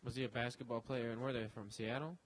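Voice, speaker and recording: A man's voice: mid-range voice, fast. Wry male podcast co-host. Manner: wry, deadpan, reads headlines jokingly. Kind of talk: casual banter.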